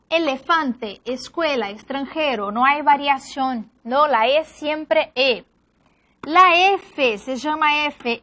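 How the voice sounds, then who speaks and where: A woman with a first language of Portuguese leads a phonetics lesson at an unhurried pace. Her voice sits high and sounds bright. She spells out sounds and example words patiently, one by one. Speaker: language teacher. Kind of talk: slow phonetics lesson, reading word lists.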